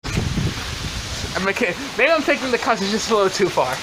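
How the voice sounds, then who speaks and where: A young man chatting casually for an outdoor vlog, excitable and exclamatory, with plenty of swearing. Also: high voice, normal speed. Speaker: vlogger. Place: outdoors in a rainstorm. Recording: noisy outdoor rain and traffic ambience.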